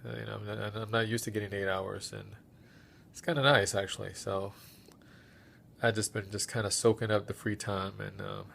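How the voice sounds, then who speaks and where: Stuffed-up guy doing a casual vlog update, lowish monotone, kinda halting. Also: gravelly, slight background noise. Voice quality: congested, stuffy-nosed. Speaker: patient recording recovery diary.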